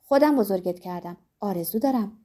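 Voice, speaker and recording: A woman's voice: medium pitch, animated, dark tone, natural voice. A woman voicing a sighing old servant woman. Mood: fussing. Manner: sighing, fussing, tender. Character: sighing elderly female household servant, doting. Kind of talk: audiobook character reading.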